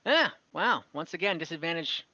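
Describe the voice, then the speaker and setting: In a muffled, echoey room recording, a game master running an online tabletop game over a voice call narrates off the cuff and frequently hesitates as he thinks aloud. His voice is medium in pitch, animated and sharp-toned at a moderate pace, with a little hiss or hum.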